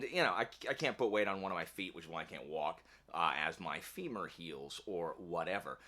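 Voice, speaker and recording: A man with a bright, forceful, medium-pitched voice hosts a YouTube book channel from a home office. Chatting casually to camera, he rambles along in a wry, self-deprecating way.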